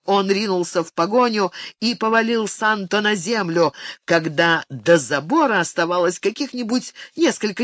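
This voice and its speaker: An audiobook narrator reading a novel in an expressive, dramatic way. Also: medium pitch, dry recording, studio quality.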